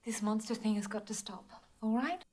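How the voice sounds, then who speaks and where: An actress with an Australian accent playing a tired, strained single mother in a film drama, often speaking in a hushed voice. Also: mid-range voice, normal speed, close to an everyday voice. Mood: weary. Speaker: film character.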